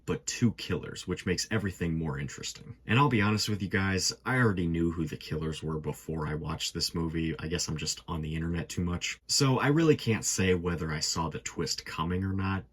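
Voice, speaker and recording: A man's voice: low-pitched, a little hiss or hum. A young man giving an enthusiastic, scripted film review in a voice-over. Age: young adult. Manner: enthusiastic, fan-like.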